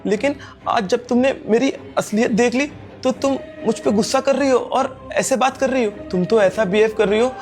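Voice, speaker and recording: A man's voice: very high-pitched, moderate pace, few pauses, a little mellow, soft background music. A man playing a poor young servant who earnestly pleads with his girlfriend not to leave him. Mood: pleading. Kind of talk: scripted skit acting.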